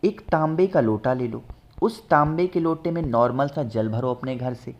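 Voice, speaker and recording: A man's voice: mid-range voice, moderate pace, a little mellow, highs cut off. A man explaining home ritual remedies in a chatty instructional talk, often checking in with viewers. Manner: chatty, repeats "ठीक है ना", addresses viewers directly. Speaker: astrology remedies presenter. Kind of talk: instructional talk with product pitch.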